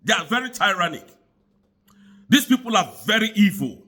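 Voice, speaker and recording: A man with a high, bright voice delivers a heated political rant. His pitch swings all over the place as he repeats his charges in an angry, preaching tone. He speaks throughout. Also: big pitch swings, moderate pace, slightly rough. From Nigeria. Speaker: commentator.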